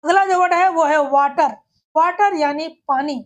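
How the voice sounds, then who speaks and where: A woman with a very high, light voice gives a scripted grammar lesson. She works through one word after another in a steady, methodical way, often pausing to ask her class a rhetorical question before giving the answer. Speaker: English teacher.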